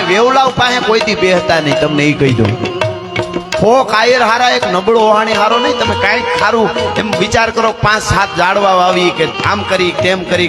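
A high-pitched man with a Kathiyawadi Gujarati accent tells folk tales. He presses home morals with emphatic rhetorical questions. Music plays clearly behind his voice on a live stage recording. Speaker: folk storyteller. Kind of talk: Gujarati folk discourse with storytelling and sung verses.

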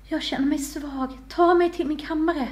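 A woman's voice: very high voice, lively intonation, fairly bright tone, voice pushed up. Woman voicing a wounded king, faint, groaning, commanding, storybook. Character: wounded old-time king, weak but commanding.

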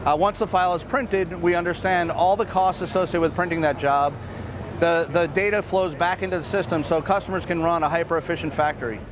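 A man in his fifties, a marketing executive, giving a brisk, upbeat walkthrough of machines at a busy trade fair, with frequent fillers. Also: fairly high pitch, steady tone. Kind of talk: trade show product walkthrough. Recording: clear trade hall ambience behind.

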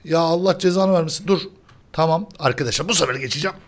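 A young man hosting a gaming video, talking fast and excitedly, yelling and repeating words whenever the game gets tense. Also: a little high. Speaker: gaming channel host. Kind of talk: excited gameplay commentary.

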